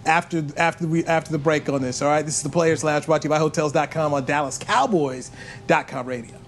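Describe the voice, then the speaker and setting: A man's voice: on the high side, fast, a little hiss or hum. An American man hosting a sports radio show with casual chat.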